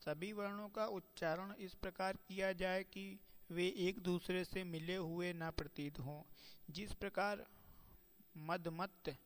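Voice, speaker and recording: A man teaching in a measured lecture style who slows down to recite quoted verses. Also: high voice, steady tone, long reverb tail. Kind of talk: lecture on Sanskrit pronunciation.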